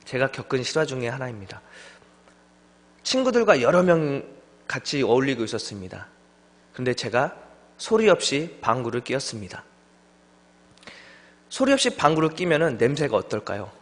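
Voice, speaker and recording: A young man preaching a sermon as a junior pastor, telling stories with lively delivery and acting out the voices of friends. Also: medium pitch, normal speed, pauses often. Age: young adult. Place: church sanctuary. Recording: long church hall reverb.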